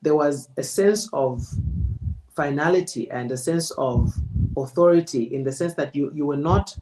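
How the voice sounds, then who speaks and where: Measured man coaching a speaker. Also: fairly high pitch, a little mellow, low-quality recording. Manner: measured, emphatic, deliberate. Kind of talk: spoken feedback to a presenter.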